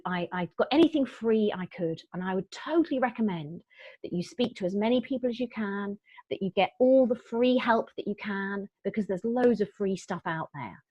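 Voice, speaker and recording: A middle-aged woman with a mid-range, darkish voice presents a property investment webinar in a chatty, upbeat manner, full of fillers and restarts. The audio is dull, dry and lo-fi.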